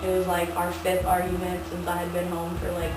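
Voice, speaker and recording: A woman's voice: fairly low pitch, monotone, brisk. An eighteen-year-old woman casually telling a personal story, rambling with many fillers. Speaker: vlogger. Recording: very echoey room, distant mic, music behind.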